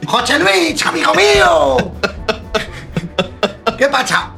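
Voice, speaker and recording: Payaso animador escandaloso que interpreta un hombre, agudísimo, teatral, muy expresivo. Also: male voice, big pitch swings, takes it slowly, gravelly, bright, forceful tone, faint music behind, heavily acted. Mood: boisterous. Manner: shrill, exaggerated, over-the-top showman. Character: loud, cheerful adult male party clown.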